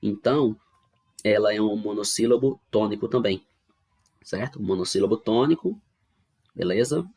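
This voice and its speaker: Low husky-voiced male teacher. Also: moderate pace, long pauses, mellow. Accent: Brazilian Portuguese. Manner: patient, explaining step by step with frequent check-ins. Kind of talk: online classroom lesson. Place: home recording for online class.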